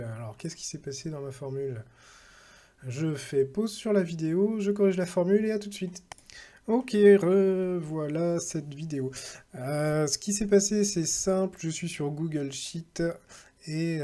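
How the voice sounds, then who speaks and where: A man with a husky, slightly breathy voice and a mellow, dark tone walks through a tech test on screen. He talks casually and thinks aloud, reading out figures with frequent hesitations. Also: fairly high pitch. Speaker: tech tutorial presenter. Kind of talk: casual screen-recording walkthrough.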